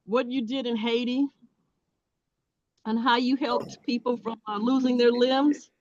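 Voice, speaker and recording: A woman calling in on a video call while driving, asking questions in a halting way with many fillers, her audio breaking up. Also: on the high side, fairly even intonation, slight background noise. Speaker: caller. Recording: dull lo-fi call line.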